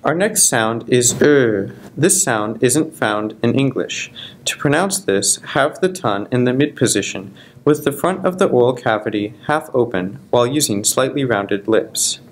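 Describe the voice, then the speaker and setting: Male instructor for a scripted pronunciation lesson, slow, deliberate delivery. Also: medium pitch, animated. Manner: slow, deliberate, careful articulation. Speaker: language instructor.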